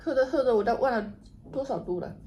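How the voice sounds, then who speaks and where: A woman chatting casually to camera while she eats and drinks, musing in an unhurried way with murmured asides. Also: high-pitched, mellow, lo-fi sound. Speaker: vlogger doing an eating and drinking livestream. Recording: noticeable background noise, home ambience.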